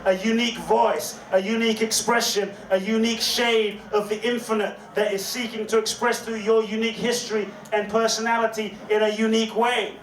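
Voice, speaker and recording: A man giving an inspirational speech to a live audience, slow and dramatic, repeating his questions and leading call-and-response. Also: high-pitched, little pitch movement. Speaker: inspirational speaker. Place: event hall. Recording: echoey hall, distant mic, faint noise.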